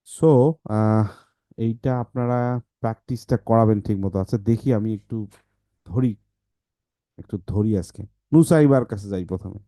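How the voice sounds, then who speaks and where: A man's voice: lowish voice, dark tone, dry recording. A man teaching phonics, explaining the method to parents and often checking in with short questions.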